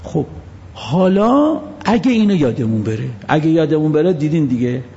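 A man preaching a sermon, telling stories in a lively way with sudden changes of tone and pace. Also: a little high. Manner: lively storytelling with shifts of tone and pace. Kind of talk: religious sermon. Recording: long-reverb hall, dull lo-fi sound, faint noise.

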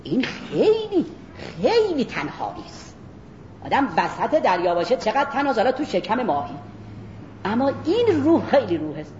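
A woman giving an animated religious lecture as a Quran teacher, reciting Arabic verses and speaking directly to her listeners. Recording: echoey room, dull lo-fi sound, faint rumble.

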